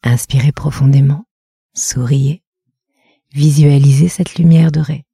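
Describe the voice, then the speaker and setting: A woman leading a guided meditation in a soft, half-whispered, measured voice. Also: low voice, steady tone, husky, dry recording, studio quality.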